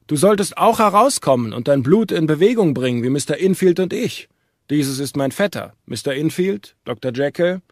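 A man's voice: a little high, animated, normal speed, dry recording, clean studio sound. A man voicing an earnest, worried middle-aged lawyer who urges his friend on in a raised, hearty voice. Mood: hearty urging.

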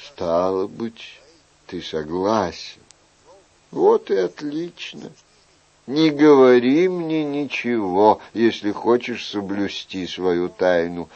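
Casting: a man doing a weary, wry king, low and unhurried, muffled recording. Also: expressive. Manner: soft, measured, wry. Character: weary, wry middle-aged male king.

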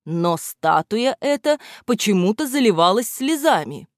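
Woman reading a kids fairy tale, slow and calm, dry close sound. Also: mid-range voice, dry recording. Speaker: narrator. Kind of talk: scripted audiobook narration.

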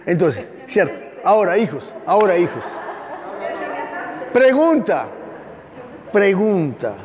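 High-voiced joking male pastor. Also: very animated, slow pace, long reverb tail, a crowd in the background. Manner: sarcastic, playful, quizzes listeners by name. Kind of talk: interactive teaching sermon.

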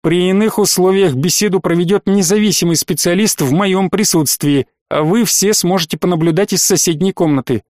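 Male audiobook narrator, measured and even, slightly high, dry close mic. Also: no echo. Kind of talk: scripted narration.

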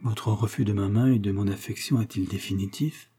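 Casting: a man as an ardent young lover, imploring, mellow and raspy. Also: lowish voice, steady tone, a little fast. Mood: passionate imploring. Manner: passionate, imploring.

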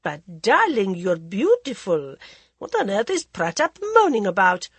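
A grand, worldly older society lady holds court in a storybook, drawling and theatrical, put on by a woman reading aloud. Her voice is husky and a touch higher and louder than plain narration, swooping with lively, arch inflection, recorded close and dry. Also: a little slow, dry recording, heavily acted. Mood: arch, languid. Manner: theatrical, languid drawl, calls everyone darling.

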